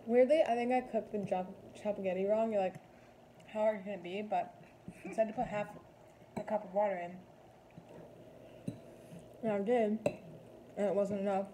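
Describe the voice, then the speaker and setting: A young woman talks through her cooking in a chatty, playful way, spinning goofy little asides as she goes. Her voice sits in a middle pitch. A pan sizzles loudly in the noisy kitchen behind her. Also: steady tone, normal speed, long pauses. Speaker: cooking vlogger. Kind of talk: casual cooking chat. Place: home kitchen.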